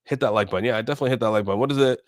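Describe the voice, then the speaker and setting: A man with a mid-range voice talks very fast while hosting a casual livestream, rambling and thinking aloud as he comments on crypto markets and answers viewers. The recording is studio quality with no echo.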